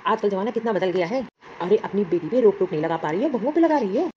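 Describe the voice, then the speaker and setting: Cartoon young husband, quick and protesting, a woman voicing him, faintly hissy audio. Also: medium pitch, expressive, muffled recording, lightly acted. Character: young husband siding with his wife. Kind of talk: cartoon story voice acting.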